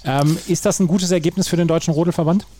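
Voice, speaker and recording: A man's voice: fairly high pitch, steady tone, fast talker, warm tone, a little hiss or hum. A man hosting a sports podcast, talking through results in fluent German with occasional fillers and restarts. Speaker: podcast host.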